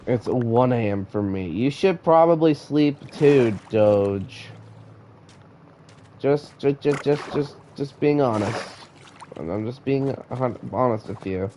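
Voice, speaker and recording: Slow, mellow sick streamer guy. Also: mid-range voice, lively intonation, a little hiss or hum. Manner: stammering, repeats words while talking to chat. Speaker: live-streamer playing a block-building game. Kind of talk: casual live-stream commentary.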